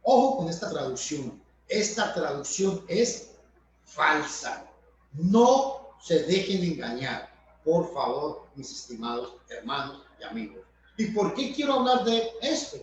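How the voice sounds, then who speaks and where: A man's voice: on the high side, muffled recording, a little hiss or hum. A man preaching a sermon, emphatic, addressing his listeners as brothers and friends. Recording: very echoey room, voice from far off.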